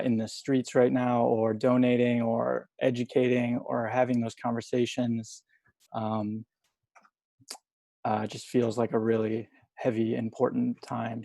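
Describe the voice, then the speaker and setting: A young man reading poetry over a video call from home, soft-spoken and hesitant between poems. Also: medium pitch, creaky, no room sound. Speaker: poet reading at a livestream.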